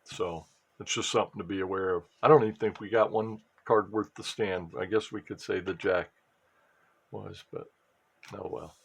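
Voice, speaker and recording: A man's voice: sits low, fairly even intonation, normal speed, vocal fry, husky. A man chatting casually while opening a pack of sports cards, rambling with restarts and trailing asides. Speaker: sports card collector and fantasy football vlogger.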